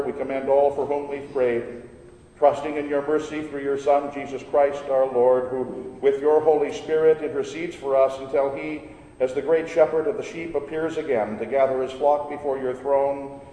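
Guy leading church prayers, slow and solemn, big cathedral echo all around, mid-pitched voice. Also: warm tone. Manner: measured, solemn intoning. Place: large church. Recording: echoey hall with long reverb, faint rumble.

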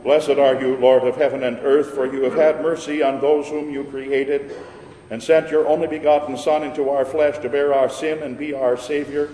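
A man leading a church service as pastor, reciting liturgical prayers in a solemn, measured and formal way. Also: medium pitch, level tone. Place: large church, indoors. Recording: echoey church hall with long reverb.

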